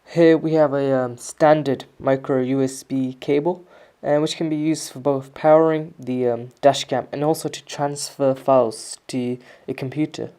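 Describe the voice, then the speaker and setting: This casual product review, which sounds scripted, has the speaker explaining features one by one in an informal way. Their mid-range voice is warm, fairly even in intonation, and moderately paced.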